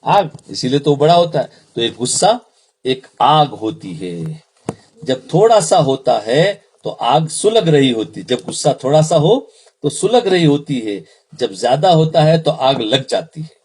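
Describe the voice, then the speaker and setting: A man's voice: a little high, very animated, darkish tone, slightly rough. A man, an Islamic preacher, giving a sermon, repeating phrases and asking the audience questions.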